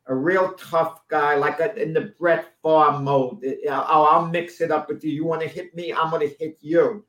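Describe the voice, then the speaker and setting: A man argues his take on football in an opinionated, combative way, pushing key words up in pitch for emphasis. His voice is fairly high for a man. The room adds a noticeable echo. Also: fairly bright tone. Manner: opinionated, argumentative, rising emphasis. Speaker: sports talk co-host. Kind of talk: casual sports talk.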